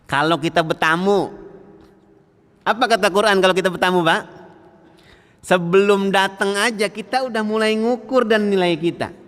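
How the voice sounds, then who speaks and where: A man's voice: high-pitched, a bit bright. A man preaching a mosque sermon, constantly asking the congregation questions and acting out everyday scenes. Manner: engaging, quizzes listeners with frequent questions; acts out everyday scenes and quotes scripture slowly. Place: mosque hall. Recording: reverberant mosque hall.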